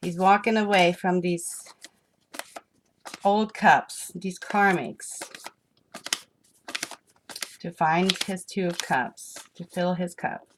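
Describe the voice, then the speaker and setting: A woman giving an enthusiastic spiritual tarot reading, excitable and rambling as she turns the cards. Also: on the low side, slow pace, long pauses, slight background noise. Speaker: tarot reader.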